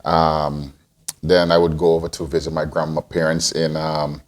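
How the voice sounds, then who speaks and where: A man's voice: rumbling low, monotone, moderate pace. A man in his forties, from Guyana and raised in Antigua, answering interview questions as a podcast co-host, rambling with many restarts. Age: 40s.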